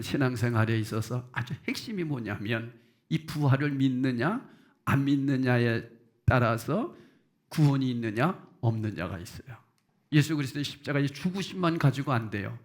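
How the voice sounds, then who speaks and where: A male pastor preaching a sermon in a chatty way, firing rhetorical questions at the congregation and swinging from soft low asides to loud, high exclamations.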